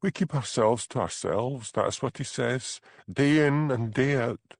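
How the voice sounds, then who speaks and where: A man reading an audiobook takes on the character of an anxious young crofter's wife, tearful and trapped in a miserable marriage. His portrayal is pleading, plaintive and high-pitched, delivered a little slowly. The recording is dry.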